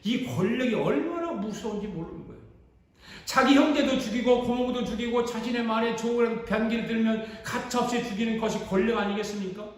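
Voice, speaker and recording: Male pastor, animated storytelling sermon, high voice, booming church echo. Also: fairly quick. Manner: animated, dramatic retelling. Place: church sanctuary. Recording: echoey church hall.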